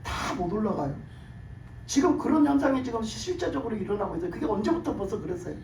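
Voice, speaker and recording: A pastor with an extremely high, raspy voice, broken by years of shouted prayer, talks quickly and expressively through his sermon. He leans on rhetorical questions and laughs mid-preaching. He is heard from a distance in an echoey space with faint ambience and slight background noise.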